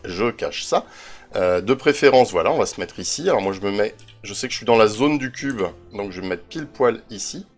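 A man's voice: on the low side, animated, brisk, faint music behind. A man hosting a casual game tutorial, thinking aloud as he reads out coordinates, with self-mocking asides and drifting away from his desk mic at times. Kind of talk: casual screen-recorded tutorial.

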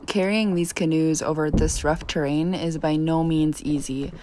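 A woman narrating her outdoor trip vlog as a voice-over, in a calm and measured way. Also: sits low, slight background noise.

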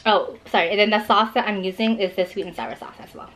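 A woman's voice: medium pitch, fast talker, fairly bright tone, a little hiss or hum. A woman hosting a casual mukbang vlog, chatting upbeat and playful with a child beside her. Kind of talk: casual chat to camera.

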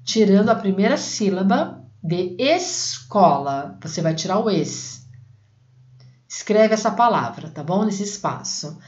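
A woman teaching a reading lesson to young children, patient, repeating words slowly and breaking them into syllables. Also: mid-range voice. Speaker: primary school teacher. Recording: echoey room, dull lo-fi sound.

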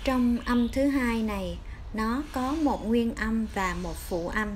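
Slow, patient Vietnamese woman teacher. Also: a little high, darkish tone, a little hiss or hum. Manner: calls herself teacher, addresses pupils as children, drawn-out example words. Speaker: English teacher. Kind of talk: slow, patient grammar lesson for children.

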